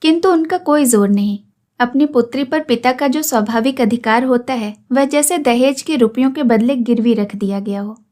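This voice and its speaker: A woman storyteller reading a classic story aloud in a steady, measured narration. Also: fairly high pitch.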